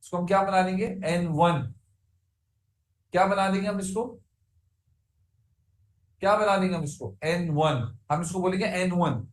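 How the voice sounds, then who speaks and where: Male teacher a high voice and tinged speech, drills a class repeated questions; roomy sound. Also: unhurried, long pauses. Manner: asks students repeated questions, chants word forms. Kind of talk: classroom grammar lesson.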